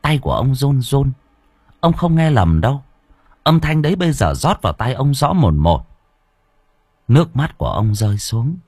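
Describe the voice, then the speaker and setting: A man tells a horror story with drama and lively, swinging pitch. His voice is husky, and the recording is dry and close. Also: normal speed, long pauses, dry recording. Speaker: audiobook narrator.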